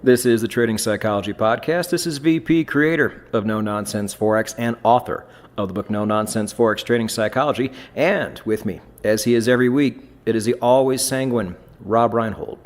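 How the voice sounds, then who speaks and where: A man's voice: medium pitch, normal speed. A man hosting a podcast in casual chat, blunt and swearing freely, often restarting his phrases. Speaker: podcast host.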